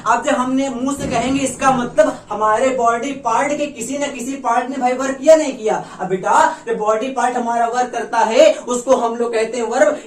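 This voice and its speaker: A woman's voice: a little high, slight background noise. A woman English teacher giving a classroom lecture, repeating points and coaxing her students, calling them "child". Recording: echoey room, mic far off.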